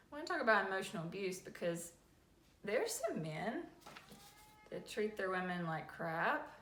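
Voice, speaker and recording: A woman talks slowly and deliberately. Her delivery is folksy and animated, with homespun asides. The room sounds echoey, and there is a faint hiss behind her. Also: medium pitch. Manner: folksy and animated, acts out little scenes. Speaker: host. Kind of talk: faith-based advice talk.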